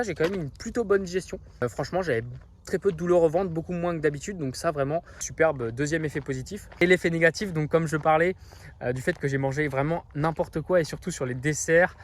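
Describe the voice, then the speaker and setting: Upbeat man vlogging. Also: a little high. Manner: explanatory, upbeat, with frequent fillers. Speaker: fitness vlogger. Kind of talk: casual vlog talking to camera.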